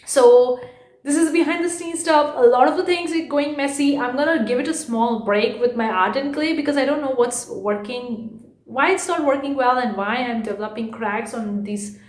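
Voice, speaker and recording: A woman's voice: high-pitched, reverberant. A woman talking to her viewers in a casual vlog from her bedroom, chatty and rambling, often saying "guys". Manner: says she speaks too fast. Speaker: art vlogger and online entrepreneur.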